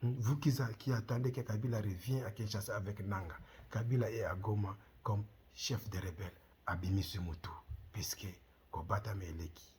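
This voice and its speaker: Talking to camera on the channel he hosts, a middle-aged Congolese man uses Congolese-accented French in a lowish, somewhat mellow voice at a normal pace. His commentary is impassioned and returns again and again to rhetorical questions, with slight background noise in the recording.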